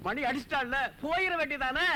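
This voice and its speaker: A teasing, worldly friend in a film comedy, with a fairly high, bright voice full of wisecracks. Faint noise sits under the film sound. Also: male voice, brisk, heavily acted. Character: teasing, worldly male friend, jokey and nosy. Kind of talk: Tamil film comedy acting.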